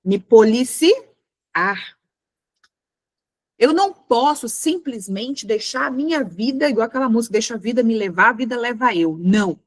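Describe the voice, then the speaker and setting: A woman's voice: on the high side, animated, normal speed, dry recording. A middle-aged Brazilian woman giving an earnest motivational talk to a women's community, acting out little scenes in quoted voices. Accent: Brazilian Portuguese. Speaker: mentor speaking to a women's community.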